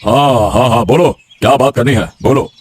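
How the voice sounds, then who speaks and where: A man voicing a calm, scheming village patron in a cartoon, measured and pondering. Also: mid-range voice, lightly acted. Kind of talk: cartoon voice acting. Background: background music.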